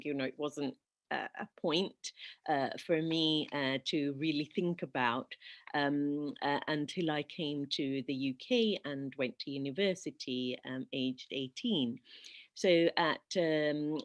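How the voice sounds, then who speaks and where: Low-voiced woman on a dry video call. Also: no echo. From Sudan. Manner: measured, halting with many fillers. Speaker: panel speaker, conflict resolution specialist. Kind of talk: online panel presentation.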